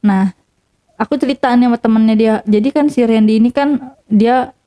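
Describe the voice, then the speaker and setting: Young woman, mellow and fairly high voice, rambling casual storytelling, lots of fillers. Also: normal speed. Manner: rambling, many fillers and restarts, addresses listener as Kak. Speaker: interviewee telling her story.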